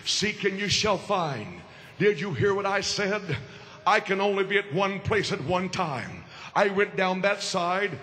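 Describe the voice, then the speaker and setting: Fervent high-voiced preacher shouting. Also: male voice. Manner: fervent, repetitive, slow and plain, breaking into shouted calls. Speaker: visiting bishop and evangelist. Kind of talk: open-air revival sermon. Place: outdoor park rally through a PA. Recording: echoey open-air PA with crowd noise.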